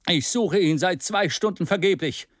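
A man's voice: high-pitched, moderate pace, no echo, clean studio sound, pitched above the performer's own voice, close to an everyday voice. A stern, proud old-world captain, voiced by a male reader.

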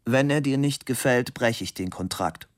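Ein Mann, der in einer Hörbuchlesung eine freche, verführerische blonde Frau spricht, die neckt und teils flüstert. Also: male voice, mid-range voice, normal speed, pitched above the performer's own voice, natural voice. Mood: teasing. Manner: teasing, bold, partly whispered. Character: brash flirtatious blonde woman.

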